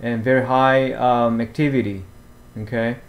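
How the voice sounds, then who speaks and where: A man walking through fishing apps over a screen recording, talking haltingly with many fillers and restarts. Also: medium pitch, steady tone. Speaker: fishing vlogger. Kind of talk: screen-share app walkthrough.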